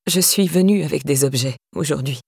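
A woman reading an audiobook, voicing a proud, restrained middle-aged woman in a low, subdued voice. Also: fairly quick, vocal fry, darkish tone, breathy edge, no room sound, studio quality, full character voice. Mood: grieving. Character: proud, grieving middle-aged woman, cold then fragile.

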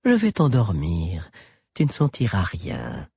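A man's voice: mid-range voice, huge pitch swings, measured pace, creaky, husky, no room sound, clean studio sound, voice pushed up, heavily acted. A man doing a honeyed creepy doctor. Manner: sugary, reassuring, condescending. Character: smiling honeyed male doctor, creepily soothing.

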